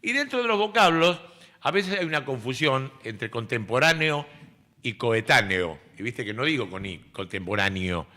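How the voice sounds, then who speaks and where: A man's voice: medium pitch, big pitch swings, moderate pace, pushed and bright. An Argentine man in his sixties, a radio host and speech teacher, explaining word usage in a didactic way. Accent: Argentine Spanish. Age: 60s. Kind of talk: casual radio chat.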